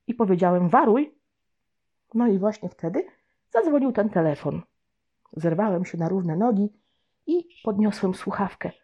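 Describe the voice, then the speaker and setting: A woman reading a children's storybook aloud with gentle, expressive narration. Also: lowish voice, breathy edge. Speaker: audiobook narrator. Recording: dull lo-fi recording.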